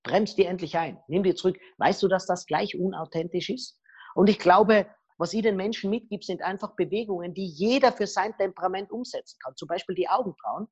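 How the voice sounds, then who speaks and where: A middle-aged woman speaking as a guest expert on body language, telling lively stories full of acted quotes. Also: medium pitch, fairly quick, breathy edge, highs cut off. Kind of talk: podcast interview.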